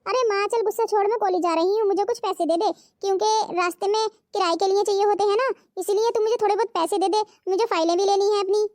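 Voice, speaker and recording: A whiny young cartoon college girl, voiced by a woman, always nagging for money and sulking when she is refused. Her voice is very high and squeaky, recorded dry and close. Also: steady tone, fast, hardly any pauses, darkish tone, dry recording. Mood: pleading. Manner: whiny, sulky. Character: young college-going sister-in-law, sulky and demanding. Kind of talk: cartoon voice acting.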